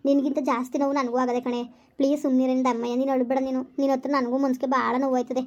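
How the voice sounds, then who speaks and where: A caring young friend coaxes and soothes again and again, as a woman plays her in a homemade village skit. Her mellow, high voice runs at a fast clip. The sound is dull and lo-fi. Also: level tone. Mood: consoling. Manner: soothing, repetitive coaxing. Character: caring young female friend, gently consoling. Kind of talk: village family skit acting. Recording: dull lo-fi recording.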